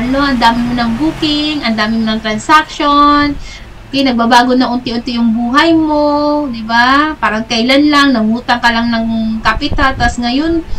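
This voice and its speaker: A woman's voice: high voice, sharp tone, recorded from a distance, a little hiss or hum, low-quality recording. A woman mentoring business people in a chatty, motivational talk, checking in with her listeners after every few phrases.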